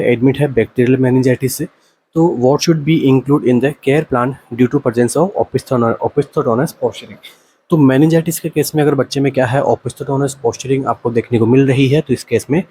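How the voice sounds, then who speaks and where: A male nursing exam coach explaining multiple-choice answers, asking rhetorical questions, answering them himself, and reading the English options out slowly. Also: mid-range voice, dark tone, a little hiss or hum.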